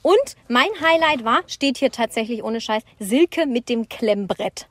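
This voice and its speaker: Podcast lady rambling and cracking jokes outside, bit high voice. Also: expressive, measured pace, a bit bright, no echo. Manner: chatty, rambling, joking. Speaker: podcast co-host. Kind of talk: casual chat. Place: outdoors.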